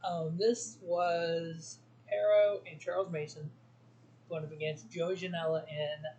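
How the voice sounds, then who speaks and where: A man's voice: a little high, little pitch movement, unhurried, darkish tone, poor audio. A man hosting a wrestling review show, giving blunt opinions in a casual solo talk full of ums and restarts.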